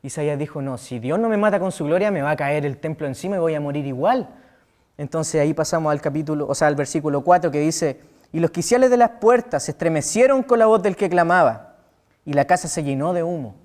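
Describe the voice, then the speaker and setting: A young Chilean man preaching a youth sermon, animated, acting out quotes with loud outbursts and quiet asides. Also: a little high, a little fast.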